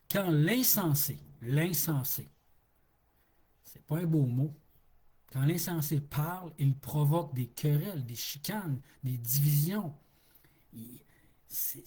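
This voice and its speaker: A middle-aged Québécois man preaching in a relaxed, folksy way, often repeating a word for emphasis. His voice is mellow and a little husky. He talks like a street pastor speaking plainly to his flock. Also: a little high. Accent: Québécois French. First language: French. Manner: folksy, laughs easily, repeats words for emphasis. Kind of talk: informal sermon on a live stream.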